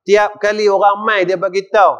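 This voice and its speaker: A middle-aged man with a northern Malaysian accent giving a mosque lecture, asking the audience questions and swinging between loud and quiet. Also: high voice, level tone, moderate pace. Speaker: religious teacher. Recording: dull lo-fi recording.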